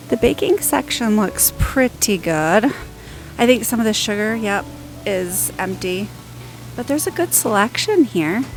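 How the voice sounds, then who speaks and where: A woman's voice: medium pitch, poor audio. A woman narrating a casual shopping and cooking vlog in a chatty, upbeat way, thinking aloud as she goes. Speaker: home cook and shopping vlogger.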